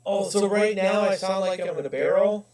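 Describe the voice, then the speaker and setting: A man's voice: sits high, moderate pace, a little mellow. A man chatting with viewers on a live stream, his voice hollow and echoey as if inside a barrel. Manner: chatty, talks to viewers in the chat. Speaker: coin roll hunting livestreamer. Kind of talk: casual live stream chat. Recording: echoey and far from the mic, faint noise.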